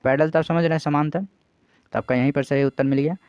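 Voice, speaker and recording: A man's voice: a little high, fairly even intonation, fast, darkish tone, smooth, no echo, lo-fi sound. A man teaching as an exam coach, explaining English vocabulary in Hindi, asking his own questions, answering them, and spelling words out letter by letter.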